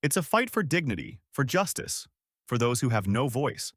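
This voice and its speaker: A dignified young man, as a narrator reads him, speaking low, firm and cutting. The voice sits at a middling pitch and sounds dry and close to the mic. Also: sing-song, normal speed, no echo. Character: defiant dignified young man answering back.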